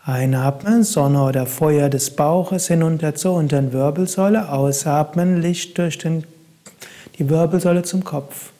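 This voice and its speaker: Calm guy leading a meditation, slightly high voice, soft and unhurried. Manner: slow, calm, soft-spoken guidance with pauses. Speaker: meditation guide. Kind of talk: guided meditation instruction.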